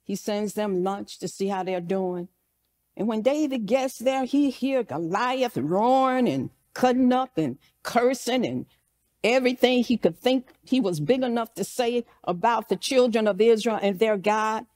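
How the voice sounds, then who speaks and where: A woman's voice: a little high, expressive, unhurried, darkish tone. A woman pastor preaching a sermon, retelling scripture as a story and acting out the speakers' lines.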